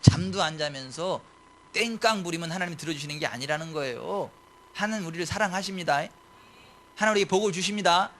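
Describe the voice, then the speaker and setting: A male pastor delivering an impassioned sermon in a high, bright, forceful voice. He fires rhetorical questions at the congregation and swings from quiet, muttered asides to ringing shouted declarations. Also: quick pace, a little hiss or hum.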